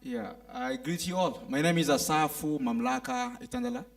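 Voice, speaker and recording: A man's voice: fairly high pitch, sing-song, moderate pace, creaky, a little hiss or hum. A young man from the Democratic Republic of Congo introducing himself formally and proudly as a student panelist. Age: young adult. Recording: distant voice with faint clicks.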